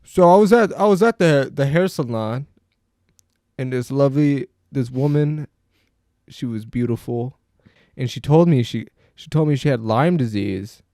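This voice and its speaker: Man, casual podcast banter, teasing, loose storytelling, mid pitch, dry sound. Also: lively intonation, measured pace, dark tone, no room sound. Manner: teasing and goading, tells anecdotes loosely. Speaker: podcast co-host. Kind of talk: casual chat.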